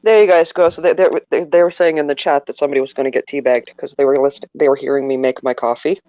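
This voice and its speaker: A man's voice: mid-range voice, fairly even intonation, quick pace, a little mellow, dry recording. Guy rambling on a home podcast, stumbly repeats, dull dry lo-fi sound. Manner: rambling, repeats words while telling a story. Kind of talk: casual chat. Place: apartment at home.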